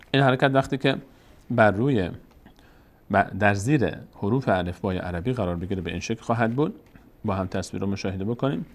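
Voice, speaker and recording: A man with a Tajik accent teaching Quran reading in a recorded lesson. He speaks slowly and patiently, drawing out each sound and repeating it. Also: lowish voice.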